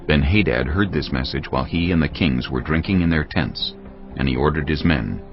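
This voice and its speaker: In a bass voice at normal speed, a man reads a scripted, dramatised Bible story. Background music accompanies him on a dull, low-fidelity recording.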